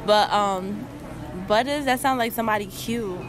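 A woman's voice: mid-range voice, moderate pace, background noise. A young woman answering interview questions in casual, slangy chat. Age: young adult.

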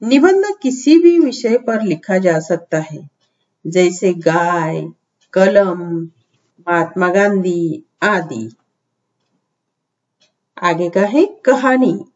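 A woman teacher reading out and explaining a children's grammar lesson, repeating each definition slowly for young pupils. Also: fairly low pitch, expressive, a little mellow. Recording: slightly dull lo-fi audio.

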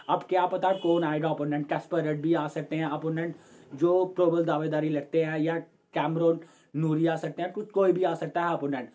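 This young man has a somewhat high, slightly mellow voice and hosts his own sports channel, offering easygoing match commentary directly to camera from home. He refers to viewers as friends and gestures with his hands while explaining.

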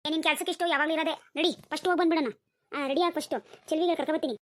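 An excitable village neighbour woman, voiced by a woman in a comic cartoon, coaxing her friend along. Her voice is very high and she rattles along at a very fast pace. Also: no echo, clean studio sound, lightly acted. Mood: pushy. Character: eager young village woman, chatty neighbour.

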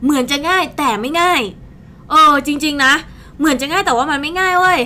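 This game channel host, a young Thai woman, chats informally through live gameplay at her desk indoors, with exclamations during play. She talks briskly in a high, bright, forceful voice, and a little hiss or hum can be heard.

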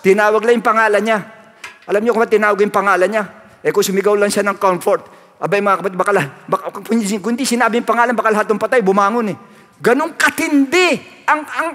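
High, bright-voiced preacher in a reverberant hall. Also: male voice. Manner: repetitive, emphatic preaching mixing English phrases. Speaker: pastor. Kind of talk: sermon. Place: church hall.

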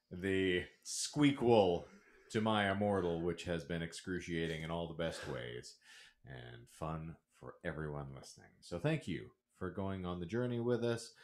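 A podcast host with a low, slightly slow voice banters casually in a wordy, theatrical, playful manner, closing with florid sign-offs. He speaks into a stand-mounted podcast mic in a small home room with a couch. The sound is roomy and echoey, like a living room.

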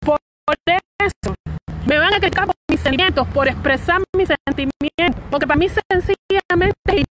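A young woman with a Cuban accent, giving an emotional personal statement to camera outdoors, halting and repeating her words. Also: very high-pitched, background noise. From Cuba. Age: young adult. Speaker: fired state worker speaking out.

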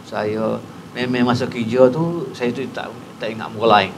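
Seated on a couch on a TV studio set, this guest in his sixties, now retired, makes his point earnestly in a Patani Malay accent. His mid-range voice moves at a normal speed, and the lapel mic carries a little background noise.

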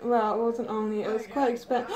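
A woman, talking casually to the camera in a vlog, excitable and gushing. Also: on the high side, fairly quick. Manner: excitable, gushing, with gasps and laughter. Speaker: vlogger.

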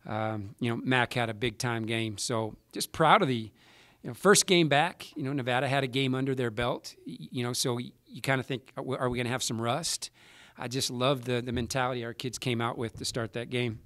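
A man in his forties, a basketball coach answering reporters after a game at a table mic, measured and halting with many restarts. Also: medium pitch, a bit bright, dry recording, studio quality. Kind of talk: post-game press conference answers. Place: press room with sponsor backdrop. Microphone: table mic in front.

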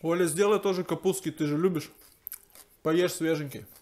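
A man's voice: a little high, fairly even intonation, normal speed, darkish tone. A middle-aged man chatting casually to his viewers while chewing his food at home. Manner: homely, chatty, addresses viewers directly. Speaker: mukbang vlogger. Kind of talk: casual chat to subscribers while eating. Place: indoors at home, eating at a table.

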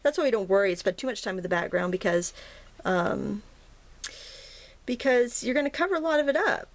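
Painting at a table, a woman who teaches watercolor chats her way through a lesson, interrupting herself, restarting, and saying um a lot. Her voice sits on the high side and is expressive and fairly quick, though a bit hoarse and gravelly with vocal fry from a froggy morning throat.

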